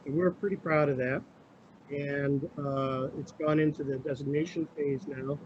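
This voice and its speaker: Give me a middle-aged man on a crackly phone line that fades in and out, halting, with a slightly high voice. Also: steady tone. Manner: halting, with many filler sounds. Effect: crackly remote phone line, fading in and out. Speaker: county administrator. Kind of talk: formal presentation to a committee.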